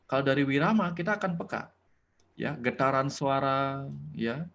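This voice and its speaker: A man's voice: medium pitch, animated, moderate pace, fairly bright tone. Earnest man teaching on a dull line. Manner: earnest, explanatory, leads a guided prayer. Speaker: spiritual teacher. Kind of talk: reflective spiritual talk.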